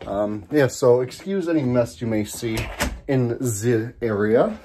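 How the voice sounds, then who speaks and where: A man's voice: mid-range voice, unhurried, mellow, slight background noise. A man in a casual home vlog, talking from his garage into a handheld camera, rambling with lots of ums and restarts and a bit out of breath. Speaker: vlogger.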